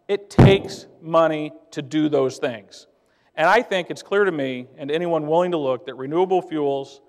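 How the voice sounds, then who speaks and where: A man giving an emphatic, plainspoken conference speech as a trade association director. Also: a little high. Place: conference hall. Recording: long hall reverb.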